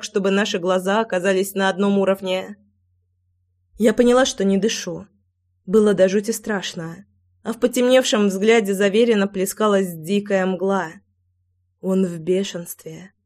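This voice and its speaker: A woman's voice: medium pitch, a little mellow. A woman reading a first-person story aloud as an audiobook narrator, with a wry, breathless inner monologue.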